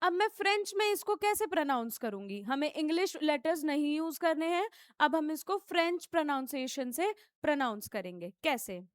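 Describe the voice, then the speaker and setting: A woman's voice: high-pitched, animated, normal speed, no room sound, studio quality. A woman with an Indian accent teaching French letters to beginners, repeating each one with stress and mixing in English. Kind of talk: beginner language lesson.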